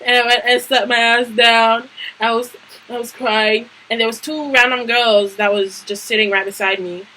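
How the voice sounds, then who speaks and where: A young woman vlogger tells a story with emphatic, slangy energy. Her voice is bright and a little high, and she leans hard on each twist of the tale. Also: steady tone, normal speed, a little hiss or hum, poor audio. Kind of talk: storytime vlog.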